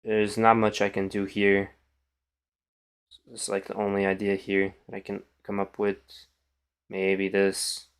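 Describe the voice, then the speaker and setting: Low-voiced tired young man streaming chess. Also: completely flat delivery, measured pace, long pauses, smooth. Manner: mumbling, thinking aloud, trailing off. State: tired, morning voice. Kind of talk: casual live-stream commentary.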